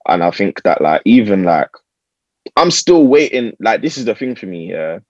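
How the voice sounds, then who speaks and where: A man's voice: fairly low pitch, big pitch swings, moderate pace, darkish tone, dry recording, highs cut off. A man with a London roadman accent talking casually in a group discussion, slangy and punctuating his points with tag questions. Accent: London, roadman-style urban slang.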